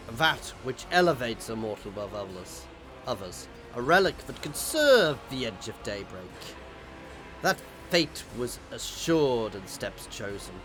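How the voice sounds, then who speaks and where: A man voicing an ancient, sinister daemon that speaks in slow, ominous pronouncements. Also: lowish voice, a bit bright.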